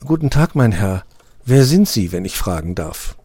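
A man's voice: on the low side, very animated, normal speed, dark tone, breathy edge, no echo, heavily acted. A man reading an audiobook, voicing a proud, tender female rose flower that speaks formally and gets tearful.

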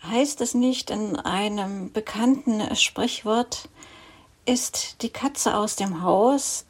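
Woman presenter, husky voice, slow and measured, introducing stories. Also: fairly high pitch. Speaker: program presenter.

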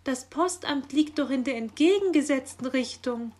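A woman's voice: medium pitch, measured pace, husky. A woman voicing a fussy, chattering female magpie postmistress in a children's audio story, eager and easily flustered. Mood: excited. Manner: eager, flustered, rising excited lines.

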